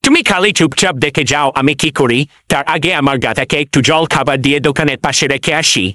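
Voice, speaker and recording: Cheeky, bright-voiced Mullah Nasruddin, played by a man. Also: on the high side, fast, no room sound, studio quality. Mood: cocky. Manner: wheedling, boastful, playful. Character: cheeky, self-assured male folk trickster mullah.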